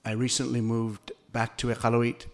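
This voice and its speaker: A man's voice: medium pitch, monotone, moderate pace. A middle-aged man from Nunavut, Canada, a senior police officer introducing himself formally at a council meeting.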